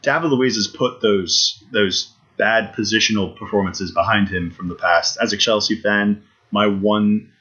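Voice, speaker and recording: A low-voiced man co-hosts a casual football podcast and talks eagerly, circling back to his points with restarts and fillers. The audio is dull and lo-fi. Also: a little slow, pushed and bright. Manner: eager, repeats himself, many restarts and fillers. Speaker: podcast co-host. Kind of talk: casual sports chat.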